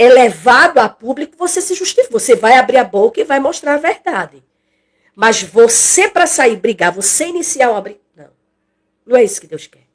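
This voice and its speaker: A woman with a slightly high voice teaches an expository Bible study conversationally, repeating phrases and acting out what people say.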